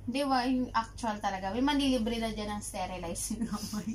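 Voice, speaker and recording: A woman's voice: a little high, fairly quick, crowd noise. A woman chatting casually with friends, teasing and asking questions. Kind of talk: casual chat among friends. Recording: distant mic with loud background noise.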